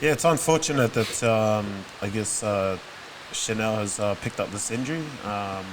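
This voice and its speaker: Lower-pitched halting man, hissy audio. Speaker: sports show panelist. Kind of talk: casual sports discussion. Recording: clearly hissy, noisy stream audio.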